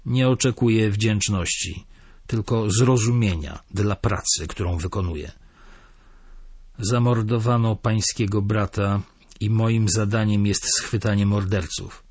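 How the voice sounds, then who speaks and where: A man's voice: fairly low pitch, a little mellow, breathy edge, no echo, studio quality. A man voicing a stern, cool-headed police officer who speaks firmly and coldly. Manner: firm, measured, cold.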